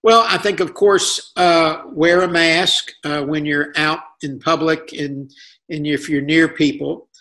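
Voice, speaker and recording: A man with a fairly high voice speaks at an unhurried, deliberate pace over a video call. He gives advice haltingly, stopping often and filling gaps with "uh" as he works through each point. He comes across as an interview guest answering questions. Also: steady tone, a bit bright. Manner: hesitant, halting with many pauses and fillers.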